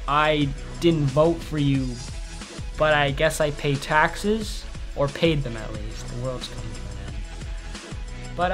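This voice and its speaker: A teenage actor playing a petty, easily sidetracked apocalypse survivor who rambles and keeps apologizing in a comedic short film. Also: male voice, fairly high pitch, fairly bright tone. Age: teens. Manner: rambling, self-interrupting, apologetic asides. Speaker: survivor recording a video message.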